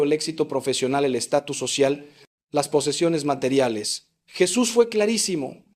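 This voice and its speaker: A male priest delivers a sermon in a somewhat high voice. His preaching is emphatic, swinging up for stress and dropping low at the ends of phrases. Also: darkish tone. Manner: emphatic preaching with sweeping rises and falls.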